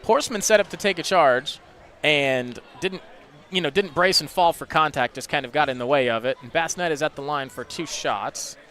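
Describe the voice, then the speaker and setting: A man doing rapid play-by-play for high school basketball on radio, chatting with his co-hosts between plays. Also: sharp tone. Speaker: play-by-play announcer.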